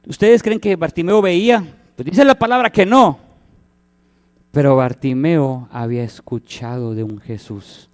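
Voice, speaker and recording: A man's voice: fairly high pitch, unhurried. A man, preaching a sermon as pastor, who acts out the cries and quoted voices in his story.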